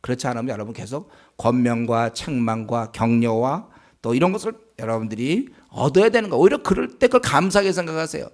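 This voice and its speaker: A male pastor preaching in a conversational way, asking the congregation rhetorical questions and acting out remarks in a slower, lower voice. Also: animated. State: sore throat. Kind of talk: sermon. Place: church sanctuary.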